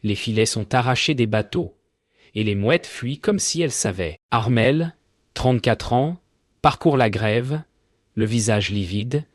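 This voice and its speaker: A man narrating a fairy tale in a solemn, measured way. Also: mid-range voice, lively intonation, dry recording, clean studio sound. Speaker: storyteller.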